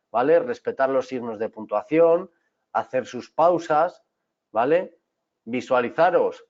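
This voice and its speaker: Guy giving a class, lots of restarts and checking in with students, kinda dull lo-fi audio. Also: medium pitch. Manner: talks straight to students, with many restarts and checks. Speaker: teacher. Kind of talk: online class lecture.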